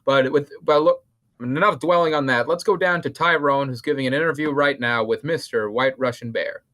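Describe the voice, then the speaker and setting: A man doing excitable, rambling play-by-play commentary on a fan-league boxing match. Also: medium pitch, brisk. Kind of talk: esports-style match commentary.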